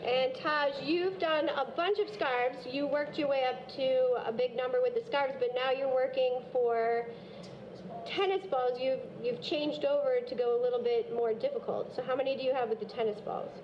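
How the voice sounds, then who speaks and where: A woman from a school program narrating a video and coaching students in an encouraging, gently corrective way. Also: high voice, steady tone, moderate pace, noisy background. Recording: dull lo-fi video audio with music. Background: background music.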